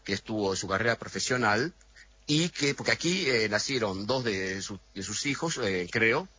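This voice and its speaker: A middle-aged man answering interview questions over a remote radio line, thoughtful and explanatory, often pausing to find his words. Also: on the low side, animated, bright, forceful tone, slightly rough, highs cut off. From Argentina. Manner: thoughtful, explanatory, frequent hesitations. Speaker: interview guest.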